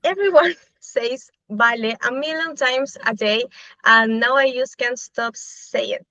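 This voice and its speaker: A young woman with a Chilean Spanish accent, speaking English as a second language, answers thoughtfully in a casual interview and often fills pauses with "eh". Her voice sits a little high, and the recording sounds dry and slightly dull, like a lo-fi setup. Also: sharp tone, no echo. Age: young adult. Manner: thoughtful, with frequent "eh" fillers. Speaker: interviewee, law student.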